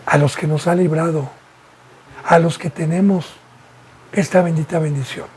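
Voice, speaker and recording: A man's voice: a little high, steady tone, normal speed, a little mellow, slight background noise. A man from Mexico, preaching a sermon as a pastor and asking repeated rhetorical questions. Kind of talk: sermon teaching.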